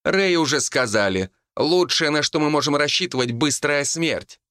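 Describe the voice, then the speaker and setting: A blunt, wary village woman, as a male reader plays her, with a raised voice and quiet, grave words. The audiobook reading is close and dry. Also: fairly high pitch, expressive, normal speed, smooth, no echo, pitched above the performer's own voice.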